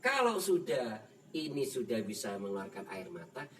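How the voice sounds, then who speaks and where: Giving a relaxed religious lesson as an ustaz leading a kitab study, a man with a Javanese accent acts out dialogue and laughs a lot. His medium-pitched voice swoops wildly in pitch at a moderate pace, recorded on a distant mic with room noise.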